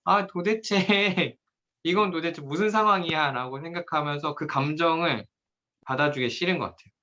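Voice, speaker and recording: Casting: frank father, bright and slightly high voice, a bit dull sound. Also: moderate pace. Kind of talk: casual parenting talk.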